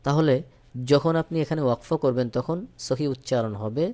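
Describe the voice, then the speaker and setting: Male recitation tutor, a smooth resonant voice at mid pitch, who calls out letters and vowel marks, then recites slowly. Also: dark tone. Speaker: Quran recitation teacher. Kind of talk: spelling-out tajweed lesson.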